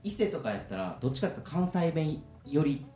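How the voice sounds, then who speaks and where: Fast-talking polite man, music behind. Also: fairly high pitch, sing-song, echoey room. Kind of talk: casual chat.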